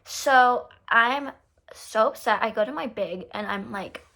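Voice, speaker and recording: A young woman with a slightly high voice tells a casual storytime rant. She is animated and swears freely, jumping into the voices of the people in her story. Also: a little slow, vocal fry. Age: young adult. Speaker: vlogger.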